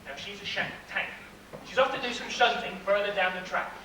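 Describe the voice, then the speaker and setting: An actor playing a friendly, folksy railway porter in an amateur stage play. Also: male voice, sits high, steady tone, brisk, sharp tone. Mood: chatty. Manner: homely, folksy, a bit teasing. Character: friendly older male railway porter, chatty. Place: theatre stage. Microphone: distant audience recording. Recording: echoey hall from far off, noisy.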